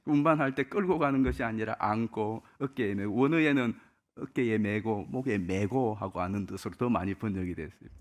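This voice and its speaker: A man's voice: on the low side, fairly quick. A middle-aged man, a senior pastor, preaching a sermon. He tells a story and his voice rises and swells on the points he stresses. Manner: storytelling with rising emotional emphasis; voices Jesus and believers in acted quotes.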